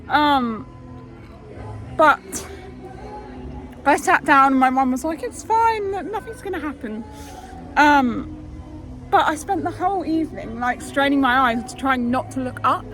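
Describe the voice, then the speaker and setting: A woman's voice: high voice, fairly bright tone. A young woman vlogging casually about facing her fear, chatty and self-encouraging with many ums. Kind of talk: casual personal vlog. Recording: roomy reverb with faint music behind.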